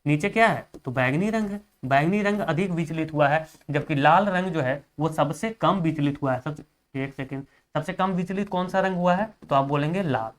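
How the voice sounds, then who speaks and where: A man's voice: fairly high pitch, normal speed. Guy doing an online exam-prep lesson, keeps asking then answering his own questions, says everything twice, close mic. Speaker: teacher.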